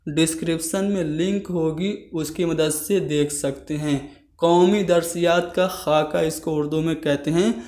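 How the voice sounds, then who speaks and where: A man with a fairly high voice works through exam questions one by one. He reads each option aloud and explains it patiently. The room around him is echoey. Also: darkish tone. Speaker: exam teacher. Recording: roomy echo.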